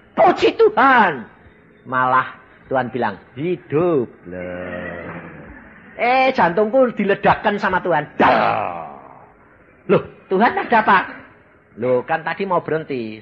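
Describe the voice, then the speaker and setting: Male preacher, lively swings of pitch, slightly dull recording with faint room ambience. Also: a little hiss or hum. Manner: dramatic storytelling with sudden loud exclamations. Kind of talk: sermon testimony.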